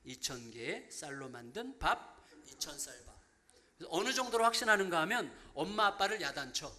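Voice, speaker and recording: Lively, bright-voiced male pastor preaching. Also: on the high side, moderate pace. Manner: animated, humorous storytelling with acted-out quotes. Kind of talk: sermon.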